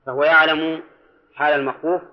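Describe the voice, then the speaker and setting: A man teaching Quran commentary in a classroom lecture, speaking deliberately, repeating key phrases and quizzing his students. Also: fairly high pitch, flat delivery. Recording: dull lo-fi lecture recording.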